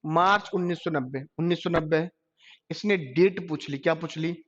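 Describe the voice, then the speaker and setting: A man's voice: a little high, moderate pace, a bit bright. A male teacher, lecturing a classroom and asking questions that he then answers himself. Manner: quizzes class, answers his own questions. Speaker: computer teacher. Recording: dull lo-fi classroom recording.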